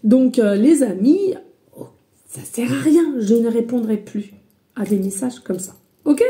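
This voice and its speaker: Loud, warm-voiced psychic woman. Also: on the high side, lively intonation, measured pace. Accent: a slight accent she mentions. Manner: loud voice, by her own account; chatty, hesitant, addresses viewers as friends. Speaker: psychic medium giving a reading. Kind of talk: casual spiritual guidance vlog.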